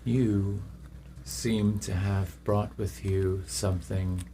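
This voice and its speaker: A strange, ominous crow speaks in a tabletop fantasy game, acted out by a man. The voice is low and hushed, with slow, deliberate phrasing and a calm, probing manner. Faint room noise sits underneath. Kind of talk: tabletop role-play.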